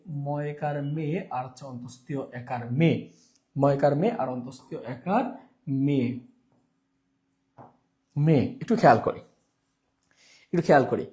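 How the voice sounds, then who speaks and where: A man's voice: a little high, darkish tone. A man teaching an exam-prep lesson, repeating key terms and asking questions back to his students.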